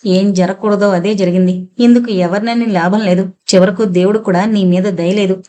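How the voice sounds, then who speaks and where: A woman's voice: medium pitch, fairly even intonation, normal speed, dark tone, lightly acted. A woman voicing a grieving older aunt who speaks in a sorrowful, resigned way in an audiobook novel.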